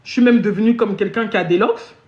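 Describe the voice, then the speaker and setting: A boastful woman chats with her viewers on a comedic live stream, now and then dropping into deliberately broken English. Her voice sits at an ordinary pitch for a woman. The sound is muffled and dull, with a roomy echo around it. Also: darkish tone. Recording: dull echoey room audio.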